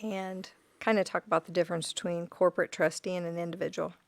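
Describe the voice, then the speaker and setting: A woman's voice: lowish voice, steady tone, quick pace, no room sound. A woman co-hosting a financial radio show, asking questions to set up the topic. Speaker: radio co-host. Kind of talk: casual radio chat.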